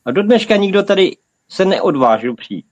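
Man, calm and lecturing, lively swooping pitch, dry close sound. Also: dry recording, highs cut off. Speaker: panel guest. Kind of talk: casual panel chat.

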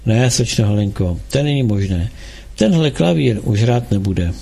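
Kind music teacher, soft reassuring tone, gravelly and husky, as a male narrator puts him on. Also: mid-range voice, expressive. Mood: calm, explaining.

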